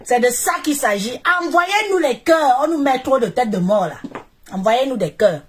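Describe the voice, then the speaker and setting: A woman's voice: high-pitched, lively intonation, normal speed, a little hiss or hum. A woman from Cameroon hosting a live stream, chanting praise in repetitive, exclamatory bursts. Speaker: social media live streamer. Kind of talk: live stream hype and commentary.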